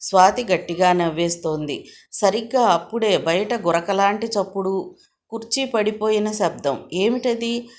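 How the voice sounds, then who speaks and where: A woman reading a novel for an audiobook, steady and expressive, with a mid-range voice that carries the story clearly. Her pacing is measured and even. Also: medium pitch. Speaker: audiobook narrator. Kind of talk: scripted novel narration.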